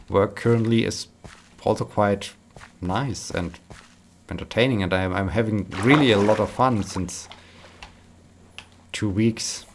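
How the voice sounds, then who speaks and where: Man, casual gaming chat, tired, repeats himself, slightly low voice. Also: slight background noise. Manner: rambling, repeats words, tired but upbeat. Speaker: gaming vlogger. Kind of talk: casual chat while playing.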